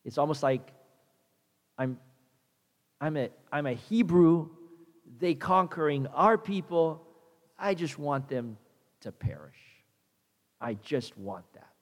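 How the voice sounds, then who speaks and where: A man's voice: a little high, animated, slow, pauses often, in a large hall. A man voicing an angry adult male prophet who complains bitterly and pities himself. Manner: bitter, self-pitying complaint.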